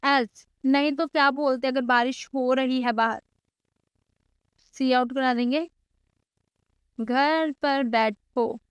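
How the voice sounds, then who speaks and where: A woman's voice: sits high, flat delivery, a little slow, pauses often, clear, resonant tone, no room sound, lo-fi sound. A woman teaching a coding lecture in a chatty way, mixing English code terms into Hindi and adding teasing asides to her students. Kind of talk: casual screen-recorded coding lecture.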